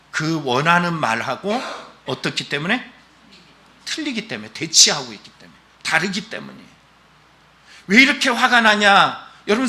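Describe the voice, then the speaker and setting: A man preaching a Sunday sermon in a church, with a high-set voice that swings widely up and down. His tone is very bright and piercing. He presses his listeners with rhetorical questions and emphatic calls. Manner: emphatic, exhortative. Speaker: pastor. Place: church during a worship service.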